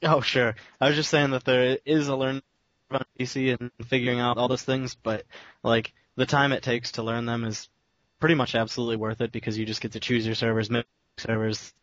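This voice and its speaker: A man talking over a glitching internet call, his voice breaking up and dropping out. The line is dull and lo-fi, bone-dry with no room sound. His pitch sits in a middling range. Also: flat delivery, a little fast, fairly bright tone, no room sound. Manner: frustrated, swearing at the connection. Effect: glitching, breaking-up online call audio. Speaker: podcast co-host. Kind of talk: casual chat.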